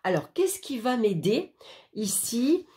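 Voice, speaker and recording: A woman's voice: on the high side, very animated, takes it slowly, dark tone. A woman from France casually explaining an oracle card reading, hesitant and chatty, talking straight to the viewer. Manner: hesitant, many fillers and restarts, addresses viewer directly.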